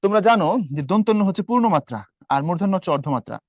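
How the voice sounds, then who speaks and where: Fast-talking male exam tutor. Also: sits high, animated, a little mellow, dry recording, highs cut off. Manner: quick explanatory, rhetorical questions to students. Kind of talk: spoken lesson solving exam questions.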